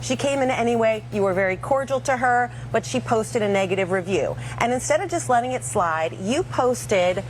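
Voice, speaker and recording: A woman TV host doing a live interview in a bakery kitchen, with a brisk, upbeat presenter delivery. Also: a little high, expressive, slight background noise.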